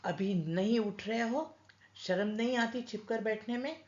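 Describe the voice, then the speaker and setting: A woman voicing an angry village mother scolding her son, with a sharp, scolding manner. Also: medium pitch, measured pace, roomy sound, lo-fi sound, voice pushed up, close to an everyday voice.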